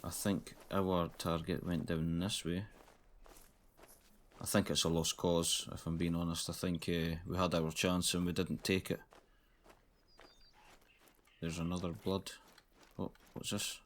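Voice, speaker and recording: Male gamer, deep voice, low-key running commentary while playing. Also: little pitch movement, unhurried, long pauses. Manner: low-key, thinking aloud. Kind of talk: casual gameplay commentary.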